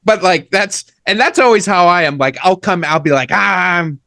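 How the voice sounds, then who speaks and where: A man's voice: high-pitched, expressive, a little fast, fairly bright tone, dry recording, studio quality. A man from Minnesota hosting a podcast, chatting in an easygoing, self-deprecating way. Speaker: podcast host. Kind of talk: casual chat.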